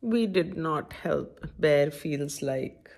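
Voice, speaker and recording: A middle-aged woman hosting children's story time reads a picture book aloud to young kids, putting lots of questions straight to them. Her low, darkish voice is expressive and extremely slow, and she sits by a window in a room at home.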